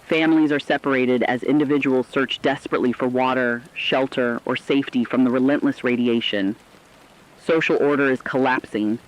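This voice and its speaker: Through dull lo-fi radio sound, a man voices a news correspondent, playing an alarmed, earnest reporter reading scripted news in a serious, articulate, emphatic manner. His mid-range voice sounds natural, keeps a steady tone, and moves fairly quickly.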